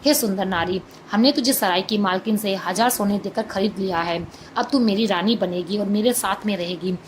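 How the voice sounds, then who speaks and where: A greedy male merchant, full of himself and used to giving orders, as a woman reading a storybook tale puts him on. The voice stays close to an everyday middle pitch. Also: moderate pace, a little hiss or hum, natural voice. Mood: commanding. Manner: boastful, commanding.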